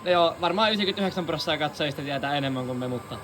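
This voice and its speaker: A man's voice: fairly high pitch, expressive. A young man casually narrating a garage vlog, joking and swearing as he works. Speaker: vlogger. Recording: music playing loudly in the garage. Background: loud music playing.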